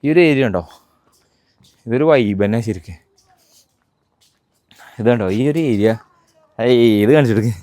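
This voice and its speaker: Unhurried and warm, with long pauses, a medium-pitched man hosts a chatty walking-tour vlog in a Malayali accent. He mixes English words into his Malayalam while talking to viewers and companions, captured on a dry recording.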